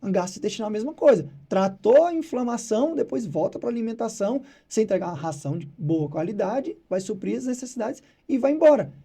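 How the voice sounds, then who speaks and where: A man's voice: sits high, quick pace, gravelly, few pauses, slightly rough. A man from Brazil, a veterinarian who is a father, telling stories in a casual interview and acting out his clients' voices. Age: adult with children. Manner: animated, acts out clients' voices. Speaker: veterinarian guest.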